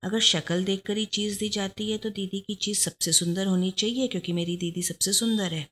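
A woman voicing a playful young sister who teases her brother, in a higher, lilting voice. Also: fairly even intonation, brisk, a bit bright, close to an everyday voice. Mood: teasing, playful. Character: playful teasing young sister, chirpy girl.

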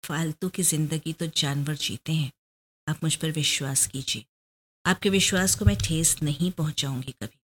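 A woman's voice: low voice, fairly even intonation, fairly bright tone. A woman voicing a proud, determined young woman detective who pleads her case earnestly.

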